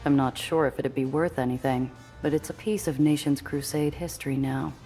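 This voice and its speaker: Voicing the narrator and protagonist of a video game, a woman delivers a wry, scripted account of her cool, watchful heroine's story in a composed mood. Her voice rumbles low, mellow and steady in tone at a moderate pace, over faint background music.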